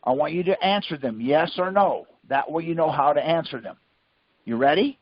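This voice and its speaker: Leading a group conference call, a male teacher coaches by asking pointed questions, persistently probing his listener in Socratic style. His voice is on the high side and moderately paced. The recording is dry, with the muffled, lo-fi quality of a conference phone line.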